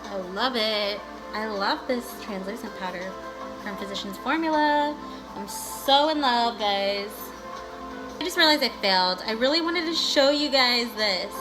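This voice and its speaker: Music plays clearly behind a woman with a fairly high voice. She talks like a beauty vlogger walking viewers through a tutorial, casual and chatty. Her manner is bubbly and gushing, with playful sing-song touches. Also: measured pace, poor audio. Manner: bubbly and gushing, with valley-girl style "like" and "guys"; playful, breaks into sing-song bits and exclamations.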